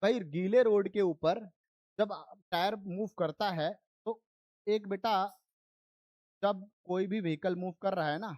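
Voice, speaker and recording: Taking it slowly in a high, slightly mellow voice, a science teacher explains physics online one step at a time, often pausing to confirm his students are following. He shifts between Hindi and English terms, and the recording has no room sound and cut-off highs.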